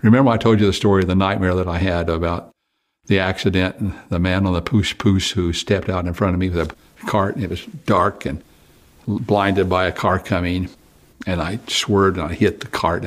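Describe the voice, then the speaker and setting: A man preaching a sermon, telling stories with frequent chuckles and jumping up high and loud when he quotes people. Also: fairly even intonation, normal speed. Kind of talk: sermon with storytelling.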